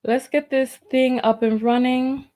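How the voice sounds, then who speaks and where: A woman's voice: high-pitched, level tone, unhurried, mellow. A woman hosting a live call-in show in a casual, chatty style.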